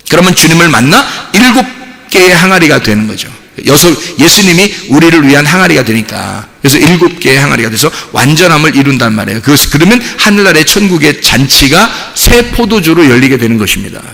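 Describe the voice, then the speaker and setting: A male pastor preaching an evening sermon in a church, telling a personal story and dropping his voice low and soft whenever he quotes a prayer or God's answer. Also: gravelly. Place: church sanctuary. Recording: long hall reverb.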